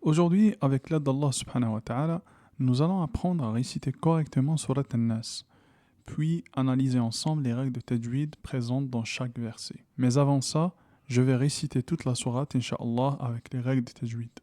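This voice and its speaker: A man gives a patient tajwid lesson, reciting and explaining pronunciation step by step. His voice is mellow and of middle pitch, and he repeats sounds slowly with emphasis. The recording is dry and close, with no room sound. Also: no echo. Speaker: Quran recitation teacher.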